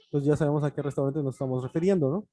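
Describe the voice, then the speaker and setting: A man's voice: a little high, racing, dark tone, no room sound. Man, English teacher, patient online lesson, dry sound. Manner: patient explaining, with fillers and restarts.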